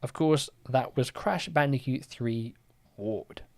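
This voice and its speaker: A young man hosts a live-streamed quiz in a relaxed, chatty way. He drifts between reading questions and answering viewers with easygoing fillers. His pitch sits right in the middle for a man. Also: slow. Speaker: livestream quiz host.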